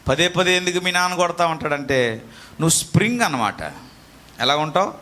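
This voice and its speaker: A male pastor delivering a sermon with a bright, forceful voice pitched a little high. He leads call-and-response with the congregation and breaks off to scold listeners. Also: normal speed.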